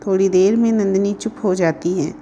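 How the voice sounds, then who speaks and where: A woman storyteller reading a scripted moral story in a steady, even manner. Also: medium pitch, moderate pace, lo-fi sound, slight background noise.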